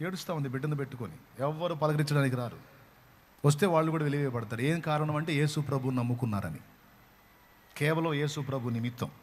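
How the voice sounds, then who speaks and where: A man's voice: on the high side, fast talker. Fervent male preacher telling a story. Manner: dramatic storytelling, rising to loud fervent proclamation. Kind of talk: sermon storytelling.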